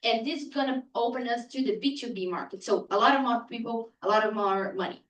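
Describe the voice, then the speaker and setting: A woman presenting a startup pitch and answering audience questions in a lively, teasing way. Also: fast talker. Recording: echoey room, distant mic.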